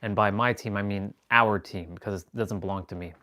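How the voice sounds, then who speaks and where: A man's voice: on the low side, steady tone, fairly quick, bright, forceful tone. Self-assured man rambling on a livestream. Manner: rambling, self-assured, restarts mid-sentence. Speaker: live stream host. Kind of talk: casual spiritual monologue.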